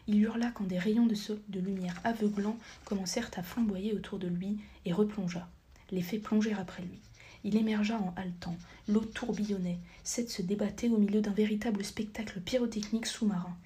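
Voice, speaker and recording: A woman narrating a storybook audiobook, reading steadily and sometimes dropping to a soft, near-whispered tone. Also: medium pitch, a little fast, slight background noise. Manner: steady reading, drops to a soft near-whisper at times, corrects small slips. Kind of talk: scripted narration.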